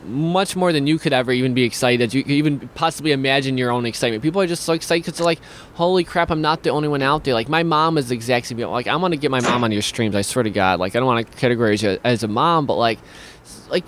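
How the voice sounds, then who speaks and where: A young man hosts a loose, casual chat in a small home studio, talking into a studio mic with headphones on. He rambles, restarts his sentences and fills the gaps with ums. His voice sits at a middle pitch, with a faint hiss of noise behind it. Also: quick pace, a bit bright. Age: young adult. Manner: rambling, many restarts and fillers, reads viewer comments aloud. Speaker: host of a streaming talk show. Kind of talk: casual video-call chat.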